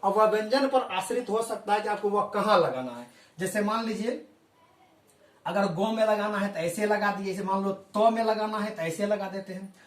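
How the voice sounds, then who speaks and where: A male teacher giving a spoken language lesson, patiently explaining and slowly repeating example words. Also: sits high. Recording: echoey room, voice from a distance.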